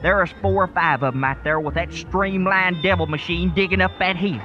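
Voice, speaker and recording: A man's voice: high voice, brisk, lightly acted. An actor playing a paranoid male conspiracy crank in a radio drama, ranting frantically in folksy rural grammar. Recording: slightly muffled, music underneath.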